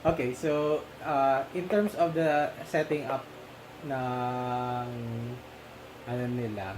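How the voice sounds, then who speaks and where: A man with a Filipino accent chats casually about a film in a mid-range, steady voice at a slow pace, over background noise. He sounds hesitant, mixes languages, and is full of fillers and restarts.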